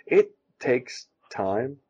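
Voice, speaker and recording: A man co-hosting a casual podcast, talking in halting, self-deprecating stops and restarts. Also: mid-range voice, sing-song, warm tone, slightly rough. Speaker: podcast co-host and comic artist. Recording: dull lo-fi sound.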